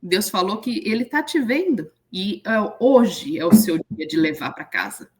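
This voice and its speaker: A woman, an interview guest telling an emotional story with lively quoted voices. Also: mid-range voice, a little slow. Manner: animated retelling with acted quotes.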